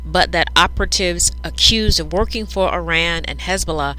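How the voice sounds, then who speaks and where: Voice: medium pitch, moderate pace, pushed and bright, a little hiss or hum, poor audio. A news reader dictating a script aloud, speaking each punctuation mark and paragraph break between the sentences.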